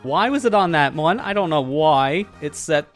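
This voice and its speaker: A man's voice: fairly high pitch, lively intonation, normal speed, faint music behind. A man hosting a casual livestream from home, chatty and joking, laughing often as he talks over voice chat. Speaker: streamer host.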